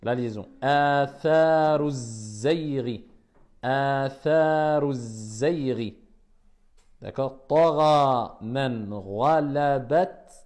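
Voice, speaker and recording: Brief: male teacher drilling pupils in a classroom, unhurried and patient, mid-pitched voice. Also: darkish tone. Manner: patient, repeats words and corrects pupils. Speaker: Arabic reading teacher. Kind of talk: classroom reading lesson.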